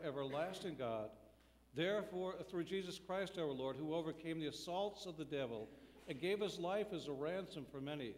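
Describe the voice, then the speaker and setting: A man leading a church service in solemn, measured liturgical prayer, his voice ringing with cathedral-like echo. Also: on the high side. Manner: measured, solemn, phrase-by-phrase delivery. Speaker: pastor leading worship. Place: church sanctuary during a service. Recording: long church reverb, voice from a distance.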